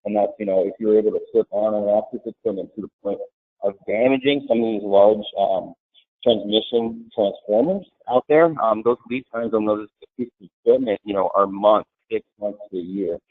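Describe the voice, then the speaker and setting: Low-voiced man on a tinny line. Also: moderate pace, no echo. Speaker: grid security panelist. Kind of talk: webinar panel discussion. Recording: tinny phone-like line, dry.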